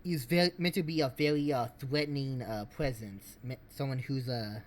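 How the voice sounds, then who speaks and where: A man streaming, giving casual game commentary in a rambling, halting way. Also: medium pitch, slight background noise.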